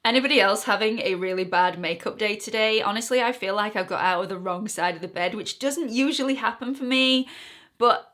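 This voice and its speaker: A woman in her thirties talks straight to camera in a casual beauty vlog, her voice sitting at a medium pitch. She speaks earnestly and sounds a little nervous and emotional. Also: fairly quick, a bit bright. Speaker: beauty YouTuber and esthetician.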